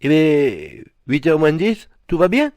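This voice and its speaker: An actor playing a doting, theatrical older husband who teases and gossips affectionately. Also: male voice, on the high side, huge pitch swings, slow, darkish tone, no room sound, heavily acted. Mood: teasing.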